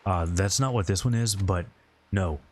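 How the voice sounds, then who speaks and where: A man's voice: deep voice, normal speed, darkish tone. A man talking informally and ramblingly as he hosts a game livestream and answers his viewers' chat. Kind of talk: casual gaming stream commentary, answering viewer chat.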